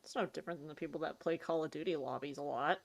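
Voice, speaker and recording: A woman with a very low voice and a gravelly fry chats casually. She reacts with short, wry quips. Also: quick pace. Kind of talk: casual chat.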